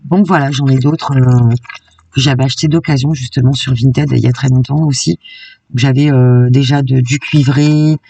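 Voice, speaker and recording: Brief: chatty craft vlogger woman, gravelly voice, a little distant from the mic. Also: a bass voice, fairly even intonation, moderate pace, warm tone, no room sound, dull audio. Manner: chatty and enthusiastic, peppered with "hein". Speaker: craft YouTuber. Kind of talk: casual shopping haul vlog.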